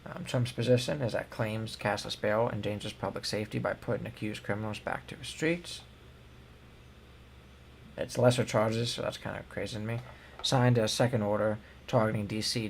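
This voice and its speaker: A young man with a gravelly, lowish voice co-hosts a news show, reading out headlines and then offering loose, filler-heavy opinions as casual commentary. A little hiss or hum sits under the recording.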